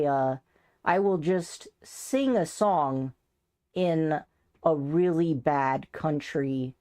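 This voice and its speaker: A woman streamer talks in an unhurried, drawn-out way, with a smooth, clean-toned voice that sits a little low. She rambles playfully and seems amused at herself, and her throat sounds dry and strained. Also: a little mellow. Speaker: streamer doing voice training. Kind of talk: casual live-stream chat.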